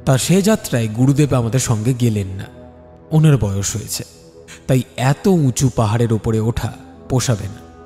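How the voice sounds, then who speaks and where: Here a man narrates a scripted first-person tale in a dramatic storytelling manner, speaking at normal speed with a dark, medium-pitched voice. Background music sits behind him, wrapped in long studio reverb.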